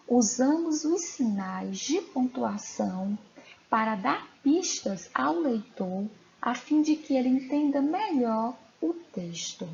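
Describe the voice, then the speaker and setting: Slow, clear schoolteacher woman. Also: fairly high pitch, darkish tone. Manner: slow, clear, questioning pupils directly. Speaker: teacher. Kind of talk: recorded online class lesson. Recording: dull lo-fi recording, faint noise.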